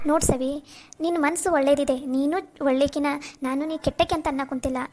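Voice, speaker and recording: A woman's voice: sits high, fairly even intonation, brisk, darkish tone, close to an everyday voice. A woman voicing a caring but firm young friend in a cartoon, comforting and lecturing.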